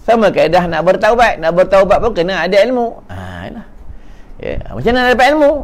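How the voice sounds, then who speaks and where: A man preaching with a Malaysian Malay accent, his voice sitting a little high for a man. He jokes, fires off questions and answers them himself. He swings between loud, pressing emphasis and soft, low asides. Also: quick pace. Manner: lively, joking, asks and answers his own questions. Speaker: religious teacher. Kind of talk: casual sermon to a congregation.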